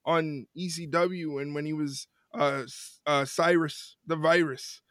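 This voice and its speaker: A man co-hosting a casual wrestling podcast, ranting with lots of repeated words and quick laughs. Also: on the high side, steady tone, fairly bright tone, no echo, clean studio sound. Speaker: podcast co-host.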